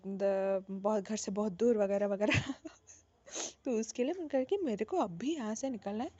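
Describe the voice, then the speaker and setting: A young woman in her twenties telling her own exam story in a casual, animated way, often laughing and pausing with fillers. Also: mid-range voice, no room sound. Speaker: bank officer sharing her exam story. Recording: dull lo-fi sound.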